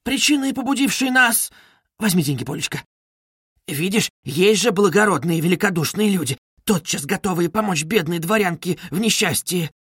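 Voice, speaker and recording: A man's voice: moderate pace, breathy edge, no echo, clean studio sound. A man reading aloud and voicing a proud, frantic middle-aged widow who wails and scolds. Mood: haughty pleading. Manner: shrill, wailing, haughty.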